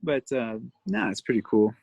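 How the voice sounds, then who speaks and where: A man's voice: mid-range voice, lively intonation, normal speed, gravelly, a little mellow, dry recording, dull audio. A man from Canada, a tour guide, telling rambling stories in a casual interview, laughing often and leaning on fillers.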